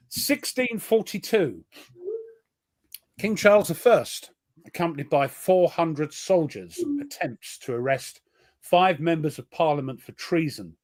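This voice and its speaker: Casual british guy hosting, rambly and jokey, reads history bits out. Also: on the high side. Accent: British English. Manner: chatty, jokey, reads history facts aloud. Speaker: host. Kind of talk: casual chat.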